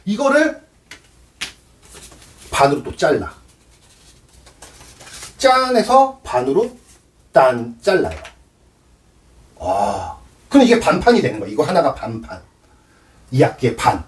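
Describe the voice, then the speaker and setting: A man's voice: mid-range voice, wildly swooping pitch, a little slow, pauses often, far from the mic. A man giving a cello lesson, explaining with props and counting aloud. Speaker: cello teacher. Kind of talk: demonstration lesson.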